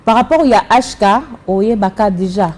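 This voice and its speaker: A woman's voice: medium pitch, normal speed, a little mellow. A woman with a Congolese French accent, a fashion designer answering interview questions in a casual way, switching between French and Lingala and searching for her words.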